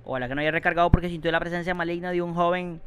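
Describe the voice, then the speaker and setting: Excitable gamer man. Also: fairly high pitch, rapid-fire, clean tone. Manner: excitable, swearing, yells when scared. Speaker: streamer. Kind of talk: let's play commentary.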